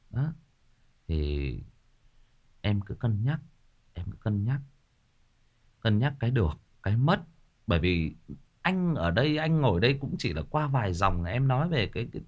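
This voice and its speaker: A man, giving a listener earnest, repetitive advice in a casual livestream talk. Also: mid-range voice. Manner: earnest and repetitive, often pausing on a drawn-out "đó".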